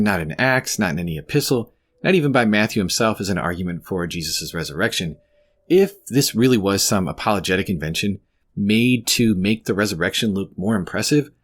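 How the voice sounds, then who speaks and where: A man delivering scripted, conversational video commentary as a host, with wry, sarcastic asides. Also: on the low side.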